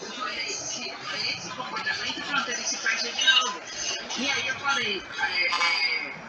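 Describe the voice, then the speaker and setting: A woman in her thirties chatting casually on an online call, telling stories with quick asides. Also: a little high, roomy sound, far from the mic, over loud music, rough recording. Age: 30s. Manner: animated storytelling, quick asides. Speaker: reading group participant. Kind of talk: casual chat.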